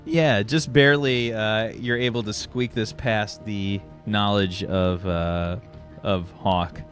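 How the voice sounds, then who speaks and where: A man with a fairly low voice referees a tabletop game. He talks casually and haltingly, often searching for the next word. Faint music plays underneath. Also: steady tone. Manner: hesitant, halting, searching for words. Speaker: game master.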